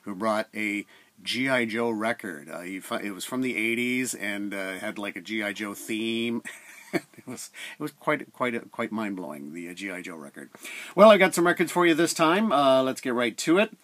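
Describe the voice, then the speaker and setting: A man's voice: on the low side, animated, moderate pace, a bit bright, no echo. A middle-aged man talking casually about records at home, rambling with many fillers, close to the camera. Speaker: record collector vlogger. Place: home room with shelves of records. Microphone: camera at close range.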